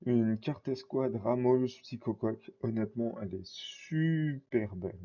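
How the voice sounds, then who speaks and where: A man's voice: mid-range voice, a little slow, mellow, lo-fi sound. A man chatting casually while showing his card collection, rambling with lots of fillers and self-corrections. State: scratchy throat.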